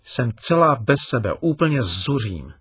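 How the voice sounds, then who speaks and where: A man's voice: medium pitch, no echo, studio quality, far from the mic, natural voice. A man voicing an upset young girl. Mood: angry. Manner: raised, emphatic and complaining.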